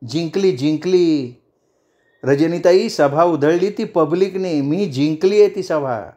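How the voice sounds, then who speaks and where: A man's voice: fairly high pitch, slow, warm tone, voice pushed up. A man voicing a confident, proud woman politician in a storybook reading, firm and cutting. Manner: firm, cutting, self-assured.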